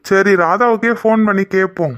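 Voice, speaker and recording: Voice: medium pitch, a little fast, a bit bright, smooth, dry recording, clean studio sound, close to an everyday voice. A voice actor playing a young man in a cartoon who is protective of the woman he loves, teasing and possessive by turns. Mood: curious. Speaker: cartoon character. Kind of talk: Tamil cartoon voice acting.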